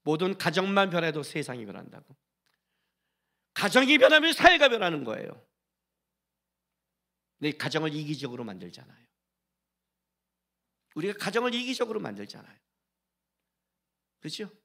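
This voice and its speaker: A middle-aged man preaching to his congregation as their senior pastor. His voice sits high and bright and moves a lot in pitch. He jumps from loud exhortation to hushed, almost whispered asides. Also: huge pitch swings, normal speed, vocal fry, pauses often. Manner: exhorting, rhetorical questions, swings between loud urging and hushed asides; briefly sings a hymn line during the sermon. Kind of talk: sermon.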